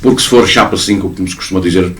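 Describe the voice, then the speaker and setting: A man's voice: sits low, racing. Emphatic sports commentator man. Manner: animated, emphatic, repeats and restarts words. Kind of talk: casual studio chat. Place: local TV studio.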